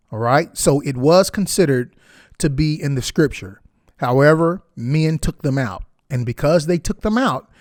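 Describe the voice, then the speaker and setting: A man's voice: mid-range voice, a little mellow, no room sound, studio quality. A man, talking earnestly and emphatically to his viewers like a preacher. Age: 50s. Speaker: health video host. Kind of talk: earnest casual talk to camera.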